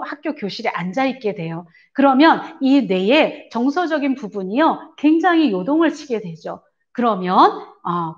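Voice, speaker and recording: A woman teaches a parenting seminar in an earnest, explaining way, filling her pauses with little sounds. Her voice sits a little high and swings widely in pitch. The recording is dull and lo-fi. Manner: earnest, explaining, many fillers; acts out parents' lines in a raised voice. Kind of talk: church parent seminar lecture.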